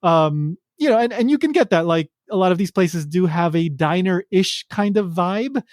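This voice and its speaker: A man's voice: sits high, animated, moderate pace, no echo, studio quality. A man hosting a podcast, talking casually and rambling with many fillers and restarts. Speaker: podcast host.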